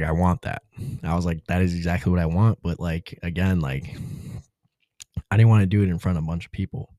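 A man's voice: deep voice, mellow, no echo, clean studio sound. A man guest on a podcast, telling a personal story in a casual, laid-back way, full of slang like "dude" and "bro".

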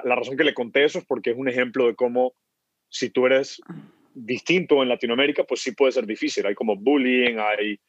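This man from Ecuador founded a startup and is speaking as a podcast guest in an easygoing interview, frequently repeating words as he gathers his thoughts. His voice sits at a medium pitch with no room sound, and the audio is dry and muffled.

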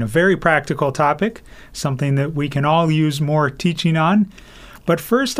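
A man's voice: fairly high pitch, no room sound. A man hosting a radio call-in program from a studio, speaking in a formal, announcer-like way. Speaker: radio host.

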